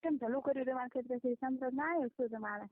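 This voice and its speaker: Chatty and inquisitive, a young woman with a rural Gujarati accent gossips over a private phone call, retelling who said what in quoted back-and-forth. Her voice sits high and she speaks fast, captured in a muffled, band-limited call recording.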